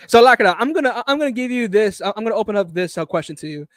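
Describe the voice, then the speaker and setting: A man hosting a live stream in relaxed banter, his voice pitched high and notably smooth and resonant. He jokes and laughs easily, and the sound is close and dry, with no room in it. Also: no room sound. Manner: playful, joking, laughs often. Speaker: livestream host.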